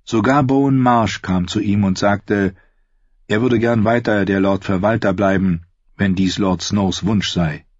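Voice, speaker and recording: A man narrating a fantasy story in a steady storytelling manner. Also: on the low side, unhurried, no room sound, dull audio. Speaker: audiobook narrator.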